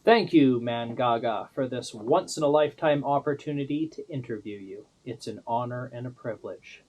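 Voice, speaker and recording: A man's voice: medium pitch, moderate pace, a little mellow. A man interviewing a guest, overly polite and mock-earnest.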